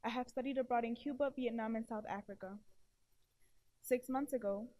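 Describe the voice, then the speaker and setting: Her voice is fairly high and dark-toned, and she speaks at a moderate pace. An award presenter in her early twenties, she earnestly offers a prepared testimonial to listeners despite a stutter marked by blocks and repeated syllables.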